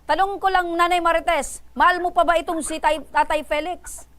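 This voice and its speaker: A woman hosting a radio call-in program, mediating between callers with brisk, probing and teasing questions. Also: very high voice, fairly even intonation, a bit bright. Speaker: host.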